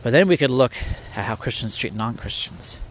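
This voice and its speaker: A man's voice: medium pitch, animated, brisk, a little hiss or hum. Male podcast host, casual reflective monologue, mid-range voice, thinks aloud with frequent restarts and rhetorical questions.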